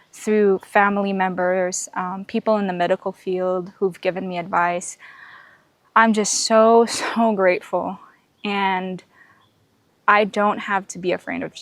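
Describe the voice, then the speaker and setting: A woman's voice: mid-range voice, no echo. Earnest woman sharing faith reflections. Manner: frequent fillers and restarts. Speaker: podcast host. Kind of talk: faith-based personal reflection. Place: outdoors on a canopy walk.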